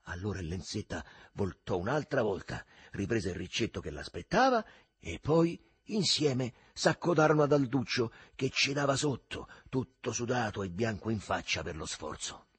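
Middle-aged man, novel read aloud, husky voice, lively pitch, dry close sound. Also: moderate pace, no room sound. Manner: expressive, acts out the dialogue. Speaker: narrator.

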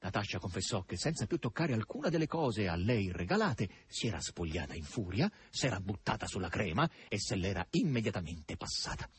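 A man's voice: fairly low pitch, slightly rough. A man reading a novel aloud with dramatic, lilting narration. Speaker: audiobook reader. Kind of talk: expressive literary narration.

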